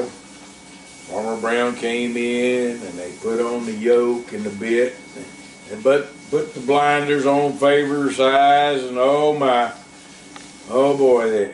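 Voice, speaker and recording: A man telling a farm story in a folksy, unhurried way, pausing to think aloud. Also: medium pitch, darkish tone, a little hiss or hum. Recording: roomy, distant, faint ambience.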